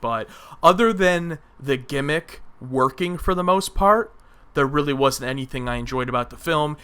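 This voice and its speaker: Podcast co-host, male, bright and smooth-toned, opinionated and chatty, lots of restarts. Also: medium pitch. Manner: opinionated, rambling with restarts and filler. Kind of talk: casual film review chat.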